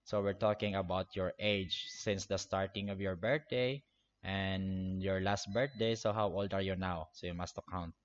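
A man in his twenties from the Philippines, an English teacher slowly walking an online class through a review, repeating each point. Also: sits low, steady tone. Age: 20s. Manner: slow, repetitive classroom explaining. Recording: dull lo-fi online class audio.

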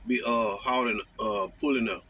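A man talking casually from his parked truck cab, drawling and mocking with slow, emphatic phrases, recorded on a phone on the dashboard. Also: medium pitch, fairly even intonation, a bit bright, slight background noise. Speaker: truck driver vlogger. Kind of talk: casual monologue.

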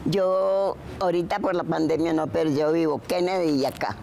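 A woman's voice: low voice, fairly even intonation, normal speed, creaky, warm tone, slight background noise. A woman, chatting frankly in an outdoor street interview, often restarting her sentences. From Colombia. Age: 90s. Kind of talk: casual chat.

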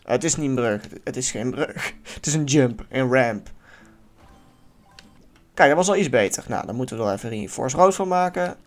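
A man giving casual let's-play commentary in a lively way, swearing now and then and yelling at near misses. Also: medium pitch, moderate pace, faint music behind. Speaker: gaming YouTuber.

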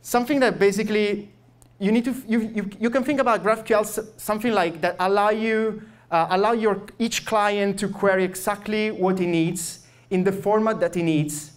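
A young Italian software engineer, speaking English as a second language, gives a tech talk into a handheld microphone in a meetup room with a projector and an audience. His voice is high, clear and resonant, but his delivery halts with many fillers and restarts.

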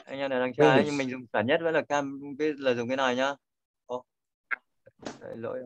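A man's voice: medium pitch, steady tone, fast, noisy background. A man teaching an online pronunciation class, patient and corrective, often repeating his points. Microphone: video call. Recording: dull lo-fi call audio.

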